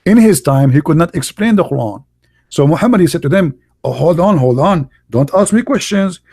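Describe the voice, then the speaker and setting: Debating callers on his live stream about religion, this man speaks heatedly in Arabic-accented English, his native language being Arabic. His husky voice is slightly higher-pitched than usual, expressive, and dark in tone at a moderate pace. He mocks, presses his points repeatedly, and makes non-native grammar slips.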